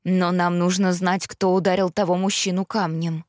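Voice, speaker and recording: A woman's voice: fairly low pitch, level tone, moderate pace, darkish tone, dry recording, clean studio sound, close to an everyday voice. A woman doing a stern, weary police father. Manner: firm and weary.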